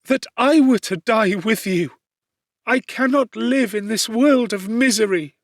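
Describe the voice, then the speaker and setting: A man voicing a loyal, grieving young gentlewoman in an audiobook, speaking with earnest, passionate emphasis. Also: sits high, measured pace, dry recording, studio quality, pitched above the performer's own voice. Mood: despairing. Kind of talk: audiobook character dialogue.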